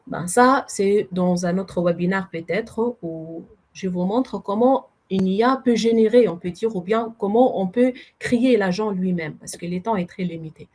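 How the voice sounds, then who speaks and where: A woman presenting a webinar with a non-native French accent, walking viewers through a software demo and explaining step by step while typing. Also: mid-range voice. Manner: explanatory, addresses audience as friends, self-corrects.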